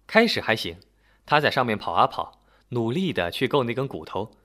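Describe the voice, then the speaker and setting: A busy young man patiently explaining himself, voiced by a male narrator. His speech moves with lively pitch swings, plain and matter-of-fact. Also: normal speed.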